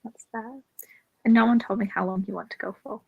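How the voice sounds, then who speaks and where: A woman hosting a casual livestream chat over a video call, unhurried and trailing off in thought. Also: fairly high pitch, fairly even intonation, creaky, husky, dry recording, narrow, tinny audio. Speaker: host of a reading sprint stream.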